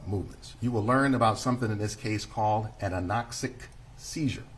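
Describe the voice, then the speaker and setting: Middle-aged male prosecutor, deliberate courtroom opening to a jury. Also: on the low side, slight background noise. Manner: measured, deliberate, addressing a jury.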